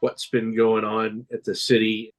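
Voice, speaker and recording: A man's voice: fairly low pitch, monotone, a little slow, soft background music. A man interviewing a guest, asking him to explain.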